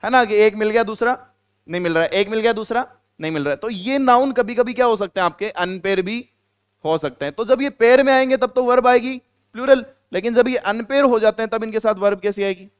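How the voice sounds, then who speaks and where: A man's voice: high voice, a little fast, clear, resonant tone, dry recording, studio quality. A man from India teaching a grammar class, joking with students and repeating key words as he quizzes them. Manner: playful, joking asides to students.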